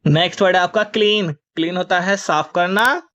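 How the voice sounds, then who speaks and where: A man's voice: high voice, normal speed, sharp tone, lo-fi sound. A male teacher running a vocabulary lesson for exam students. He spells each word out letter by letter, then gives its meaning and its opposite, and calls the students children.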